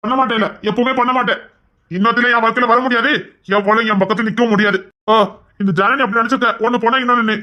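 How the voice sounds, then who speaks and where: In an audio drama, a woman voices a proud, brusque husband, grumbling in a gruff, dismissive way. Her fairly high, natural voice stays steady while she talks very fast, and the recording is dull and lo-fi.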